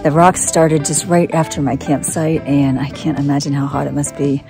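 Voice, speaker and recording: A woman's voice: low-pitched, little pitch movement, normal speed, gravelly, music in the background. A middle-aged woman talking into a phone held at arm's length on a mountain trail, chatty and upbeat, hot and tired from hiking. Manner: chatty, upbeat, laughs often. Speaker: hiking vlogger. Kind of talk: casual trail vlog.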